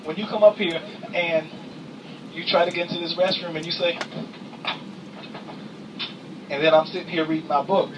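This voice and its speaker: A man working as a flight attendant gives a comedic cabin announcement with playful, mock-stern deadpan sass and emphatic repetition. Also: on the high side, fast, dull audio. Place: aircraft cabin. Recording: distant, noisy aircraft cabin capture.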